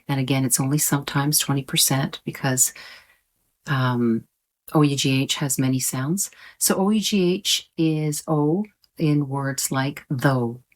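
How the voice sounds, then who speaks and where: A woman teaching English pronunciation in a patient, explanatory way, repeating points and stretching out vowel sounds to demonstrate them. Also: very deep voice. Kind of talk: slow explanatory lesson.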